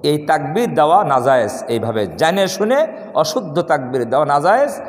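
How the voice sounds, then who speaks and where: A Bangladeshi imam preaching a Friday sermon, his fairly high voice rising and falling with lively swings. He poses questions and leaves them for the congregation to complete. His voice rings through a large mosque hall with a long, echoing reverb. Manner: rhetorical questions the congregation completes, drawn-out demonstrations of recitation.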